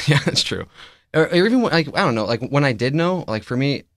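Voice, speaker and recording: A man's voice: mid-range voice, expressive, fairly quick, dry recording, studio quality. A man co-hosting a podcast in casual chat, easygoing and rambling, acting out quotes. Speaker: podcast co-host.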